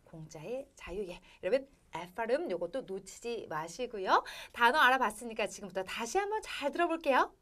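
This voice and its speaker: A woman's voice: on the high side, sing-song, fairly quick, few pauses, bright, forceful tone. A woman hosting a television English lesson, playful and laughing often as she keeps speaking straight to the viewers. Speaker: English teacher and host.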